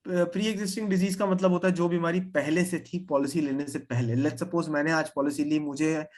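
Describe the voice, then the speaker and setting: A man's voice: on the high side, fairly even intonation, a little fast, darkish tone. A man leading an insurance training session, explaining policy points with confidence and often checking that everyone follows. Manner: confident, repeats 'theek hai' to check understanding.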